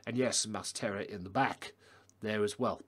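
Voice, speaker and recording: A young man doing excitable, swearing live-stream commentary over a game, talking straight to his chat viewers. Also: fairly low pitch, normal speed.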